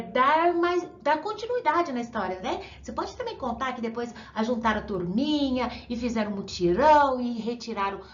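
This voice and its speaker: A woman's voice: high-pitched, lo-fi sound. A Brazilian woman teaching young pupils, drawing out example words and checking in with them often. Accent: Brazilian Portuguese. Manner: sing-song, drawn-out words, many check-ins. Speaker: primary school teacher. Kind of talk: recorded classroom lesson for children.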